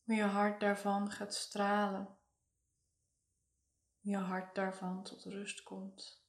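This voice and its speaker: Slow, even-toned woman guiding meditation. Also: mid-range voice, echoey room. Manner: soothing, hushed, lingering delivery. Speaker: guided meditation leader. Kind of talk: guided meditation narration.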